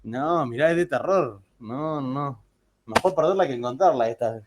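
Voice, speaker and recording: A man's voice: mid-range voice, expressive, moderate pace, background noise. A man with an Argentine Spanish accent, telling joking anecdotes to a class. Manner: chatty, joking, with frequent restarts. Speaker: teacher.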